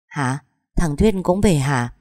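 A woman's voice: low-pitched, animated, slow pace, darkish tone, dry recording, studio quality, full character voice. A woman voicing a worried older mother in a storybook reading, asking anxious, pressing questions.

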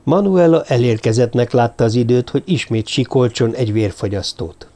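A man narrating a novel in a steady storytelling manner. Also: medium pitch. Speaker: audiobook narrator. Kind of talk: scripted narration.

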